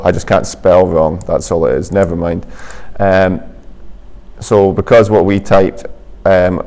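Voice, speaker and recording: A man's voice: low voice, mellow. A man teaching a coding lesson over a screen recording, explaining step by step in a plain, patient way.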